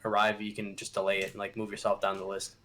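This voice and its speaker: A man's voice: lowish voice, completely flat delivery, quick pace, pushed and bright. A young man co-hosting a casual podcast, talking in a hesitant, laid-back way with lots of fillers and swearing. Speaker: podcast co-host. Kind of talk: casual chat.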